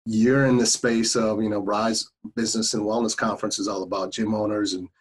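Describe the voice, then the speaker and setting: A man's voice: fairly low pitch, flat delivery, a little fast, husky. A man hosting a podcast, chatting casually with a guest and using lots of fillers. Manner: friendly, many fillers like "you know" and "like". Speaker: podcast host. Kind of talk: casual interview chat.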